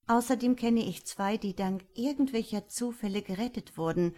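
A woman's voice: on the high side, normal speed, warm tone, pitched above the performer's own voice, close to an everyday voice. A woman voicing a thoughtful, earnest female police detective in a crime audiobook, speaking firmly and reproachfully.

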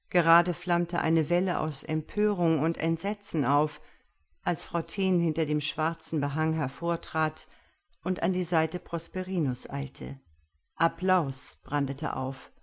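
A woman reading a story aloud in the first person, calm and even. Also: low-pitched. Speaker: audiobook narrator. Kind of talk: scripted narration of a story.

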